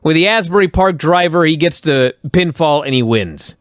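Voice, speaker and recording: A man hosting a podcast, recapping old wrestling shows in a profane, animated way and acting out quotes. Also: fairly high pitch, moderate pace, no echo, studio quality. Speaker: podcast host.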